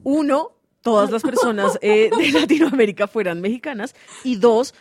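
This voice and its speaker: A woman's voice: on the high side, lively intonation, normal speed, no echo. A woman hosting a conversational radio interview, explaining her thoughts at length with many hesitations. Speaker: host.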